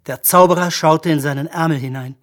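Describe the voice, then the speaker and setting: A narrator reading a story for an audiobook in a measured, even-paced manner. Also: medium pitch.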